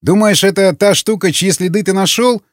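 A man's voice: sits high, moderate pace, no echo, clean studio sound, voice pushed up, lightly acted. A man voicing a younger male raider who is chatty, teasing and grumbling. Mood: uneasy.

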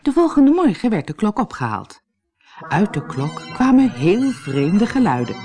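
A woman narrating a children's fairy tale audiobook in a lively, expressive way. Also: medium pitch, unhurried, faint music behind. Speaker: storyteller.

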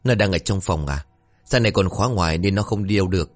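Man doing a gruff crafty old shaman. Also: sits low, fast talker, faint music behind. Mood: wry. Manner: gruff, scolding. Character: crafty old village shaman, crude and bossy.

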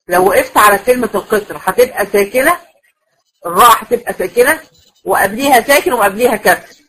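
In a classroom lecture, a woman with an Egyptian Arabic accent teaches Quran recitation, explaining patiently, repeating her points, and asking the class questions to check understanding. Her voice is fairly high, a bit bright, and husky, and the recording quality is low.

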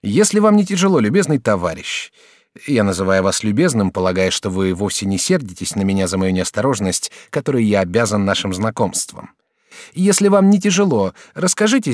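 Man reading as an eager young student, raised lively pitch, polite and chatty, dry sound. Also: brisk, dry recording. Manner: bright, animated, polite and excitable. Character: eager young male student, courteous and talkative. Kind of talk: audiobook character reading.

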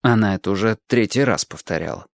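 A man narrating an audiobook in an expressive storytelling manner, giving each character a voice of their own. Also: lowish voice, fast, vocal fry, no echo, clean studio sound.

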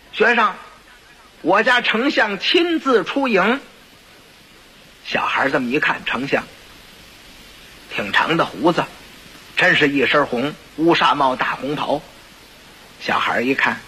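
Bright, husky storyteller man. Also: mid-range voice, in a large hall, poor audio. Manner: lively, animated delivery. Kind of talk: traditional comic storytelling on radio.

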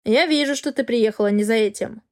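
A woman voicing a male dragon lord in an audiobook, calm and dryly mocking. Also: a little high, a little fast, lightly acted. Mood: cool. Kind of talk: audiobook character voice.

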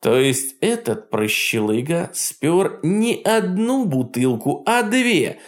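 A man reading a first-person story aloud as an audiobook narrator, in a wry, lively storytelling manner. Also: fairly high pitch, slow.

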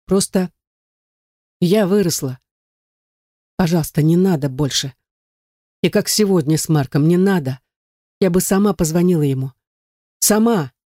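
A man's voice: sits high, measured pace, pauses often, warm tone, no echo, studio quality. A man voicing a tearful defiant daughter. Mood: tearful, pleading. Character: young woman, grieving and defiant daughter. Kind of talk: audiobook reading.

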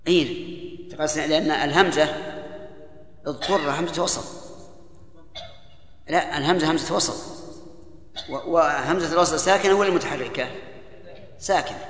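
Older man, scholar teaching, questions his class, chides forgetful students, fairly high voice, long hall reverb. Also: moderate pace, pauses often, a bit bright. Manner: quizzes students, chiding and impatient when they forget. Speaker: Islamic scholar teaching tafsir. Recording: echoey hall, old tape lecture recording.

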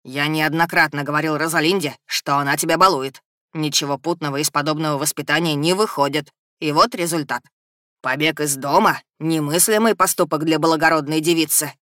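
A man voicing a stern, irritable middle-aged stepfather lord in an audiobook, scolding and gruff. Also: a little high, pushed and bright, dry recording, clean studio sound. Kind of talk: audiobook character reading.

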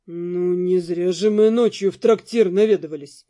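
A woman's voice: on the low side, moderate pace, warm tone, pitched below the performer's own voice, lightly acted. A woman voicing a laid-back male mercenary who drawls his words, unbothered. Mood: deadpan.

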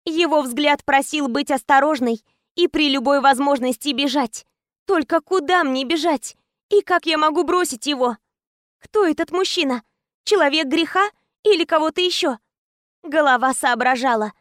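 A woman's voice: high-pitched, moderate pace, a bit bright, no echo, clean studio sound. A woman narrating a tense first-person story as an audiobook reader.

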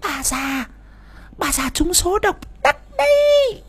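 A man voicing a shrill, greedy, scolding wife in an audiobook story. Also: very animated, slow pace, slight background noise, exaggerated voice. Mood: snapping. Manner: shrill, sharp, nagging. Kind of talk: audiobook character voice.

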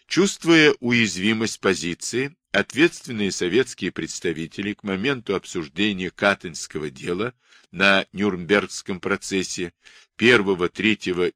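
A man narrating a nonfiction history book in a formal, measured reading style. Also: low-pitched, a bit bright, no echo, clean studio sound. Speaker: audiobook narrator.

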